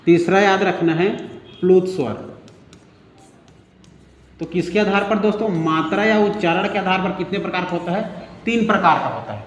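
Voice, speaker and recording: A man's voice: sits high, fairly quick, muffled recording, a little hiss or hum. A male teacher giving a grammar lesson, repeating key points and asking if everyone is following. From India. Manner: repetitive, drilling with check-ins. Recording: echoey room with faint ambience.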